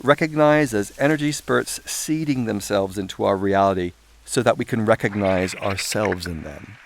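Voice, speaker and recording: The narrator is a man with a gravelly, lowish voice reading his own irreverent self-help audiobook. He gives it a theatrical, cheeky, conversational treatment, sprinkling in swearing. Composed background music and soundscape run under the voice.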